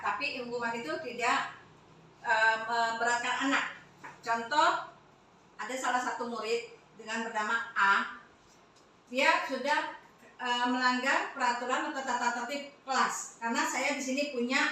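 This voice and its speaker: A woman's voice: fairly high pitch, pushed and bright, slight background noise. A woman teacher, telling a classroom story at a workshop in a hesitant way, with many fillers. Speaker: first-grade teacher. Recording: echoey room from far off.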